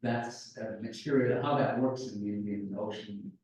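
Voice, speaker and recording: A man's voice: fairly low pitch, moderate pace, darkish tone. A man in a conference audience thinking aloud as he asks a question, meandering and full of uhs and ums. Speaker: audience member asking a question. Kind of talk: thinking aloud while asking. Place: conference room. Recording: echoey room, far from the mic.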